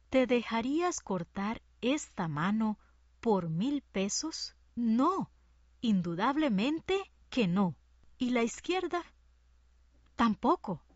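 A woman reading a fable aloud in a soft, measured way. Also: fairly high pitch, no room sound. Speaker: story reader. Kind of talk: scripted narration of a fable. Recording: distant, dull lo-fi recording.

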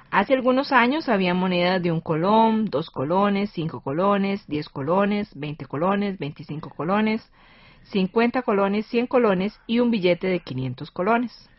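A woman's voice: medium pitch, dry recording, dull audio. A woman with a Costa Rican accent hosting a scripted educational radio lesson.

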